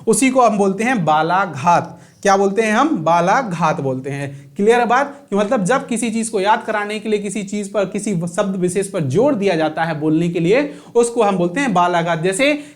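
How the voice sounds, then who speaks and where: A man's voice: high-pitched, animated, normal speed. A man teaching a grammar lesson, often repeating key terms as questions to his students.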